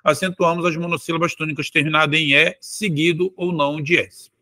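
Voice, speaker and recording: A man's voice: on the high side, level tone, a little fast, sharp tone, dry recording, clean studio sound. A man teaching Portuguese for an exam, explaining step by step and drawing words out syllable by syllable. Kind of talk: exam-prep lesson.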